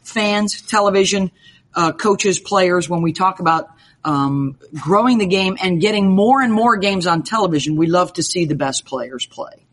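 A woman's voice: lowish voice, moderate pace. A woman hosting a sports talk show, upbeat and jokey, rattling off game schedules. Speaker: show host.

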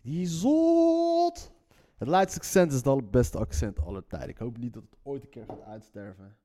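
A man's voice: mid-range voice, big pitch swings, fast talker, dark tone. A man with a slightly Moroccan-tinged Leiden accent, hosting a show and reading the newspaper aloud in loose, rambling chat full of swearing and tangents. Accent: Leiden Dutch, slightly Moroccan-tinged.

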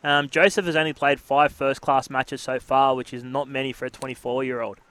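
A man's voice: mid-range voice, flat delivery, fairly quick, fairly bright tone. A man with an Australian accent co-hosting a sports radio show, casually analysing the game on a close mic. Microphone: close studio broadcast microphone.

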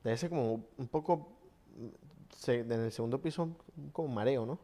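A man's voice: medium pitch, normal speed, crowd noise. A man with a Venezuelan Spanish accent co-hosting a podcast in casual, slangy chat, laughing often. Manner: animated, laughs a lot, slangy. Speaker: podcast co-host. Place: Miami.

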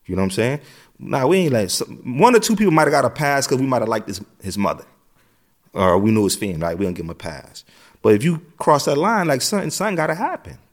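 A man's voice: medium pitch, very animated, quick pace. A middle-aged American man, an interview guest, telling his story in a casual streetwise way, with phrases repeated. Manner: streetwise, repeats phrases, frequent "you know what I'm saying".

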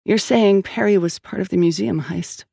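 A woman's voice: mid-range voice, normal speed, gravelly, dark tone, slightly rough, no room sound, clean studio sound, pitched above the performer's own voice. A woman voicing a tough, skeptical police detective who gives blunt, commanding demands in a storybook reading. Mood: demanding.

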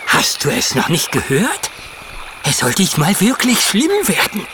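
A man's voice: high voice, big pitch swings, a little slow. An actor playing a friendly, long-winded male beaver in a children's audio drama, rambling on as he tells a story. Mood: gossipy. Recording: audible background noise.

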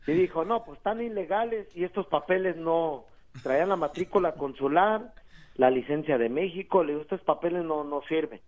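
A Mexican man calling into a radio show, telling a story in a slangy, animated way. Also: a little high, normal speed. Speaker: caller. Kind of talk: casual phone-in storytelling. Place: phone call into a radio show. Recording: tinny phone line.

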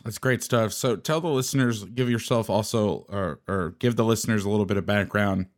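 A middle-aged man hosting a coaching podcast, talking casually in quick, upbeat patter. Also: fairly low pitch. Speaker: podcast host.

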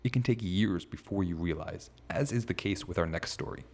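A man hosting a podcast, reading scripted narration in a steady, even way. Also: low voice, fairly quick. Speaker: podcast host.

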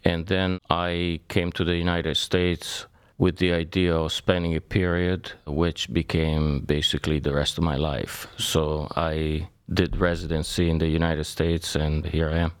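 A man from Italy speaks in a deep, low register, explaining things in a measured and formal way. His voice sits close and dry, with no room sound around it. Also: flat delivery, clean tone, dry recording. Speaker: guest surgeon and researcher. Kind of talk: podcast interview.

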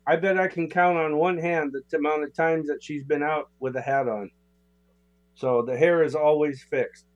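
A man's voice: a little high, fairly even intonation, normal speed. An older man co-hosting a casual radio show, with a tinny, boxy sound from a home studio. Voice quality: tinny, distant barrel-like sound.

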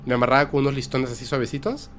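A man with a Mexican accent hosting a podcast in casual chat. He talks in a relaxed, slangy way and reacts quickly to his guest. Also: medium pitch, a little hiss or hum. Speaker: podcast host.

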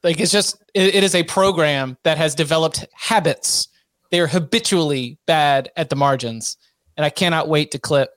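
A man's voice: on the high side, normal speed, a bit bright, no room sound, studio quality. A man co-hosting a casual sports podcast, playful and emphatic. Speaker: podcast co-host.

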